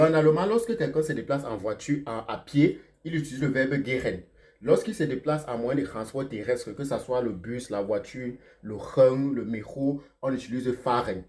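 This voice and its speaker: A man teaching a lesson, checking in with "ok?" after almost every phrase and slowing down sharply on the words he is teaching. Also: mid-range voice, darkish tone. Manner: slows down sharply to spell out German words. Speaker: German teacher. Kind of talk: explaining lesson to learners.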